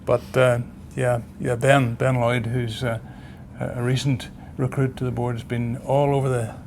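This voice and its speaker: A man's voice: mid-range voice, little pitch movement, moderate pace, darkish tone, slight background noise. A man chatting casually in an interview, often repeating and rephrasing himself as he answers. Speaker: president of a national radio society. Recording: faint room ambience behind.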